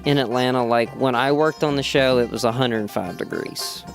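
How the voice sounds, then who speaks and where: At a fan convention, an actor from West Virginia answers interview questions at a moderate pace in a medium-pitched voice. His answers ramble, full of "you know" fillers and restarts, with music playing loudly behind him.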